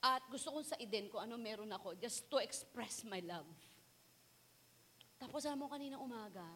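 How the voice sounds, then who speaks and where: A woman preaching a sermon. She mixes Tagalog and English and moves from a quiet personal story to loud, fervent exhortation. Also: mid-range voice, big-room sound, a little hiss or hum. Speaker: pastor's wife preaching.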